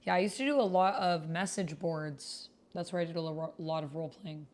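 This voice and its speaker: A streamer running a tabletop roleplay speaks a bit fast in a darkish, lowish voice. Casual and chatty, she addresses her viewers directly and reads chat messages and story text out loud.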